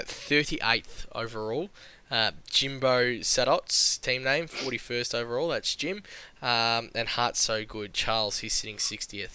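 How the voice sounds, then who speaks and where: Bright-voiced Australian man hosting. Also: medium pitch, smooth, dry recording. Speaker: podcast host. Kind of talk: casual fantasy football podcast chat.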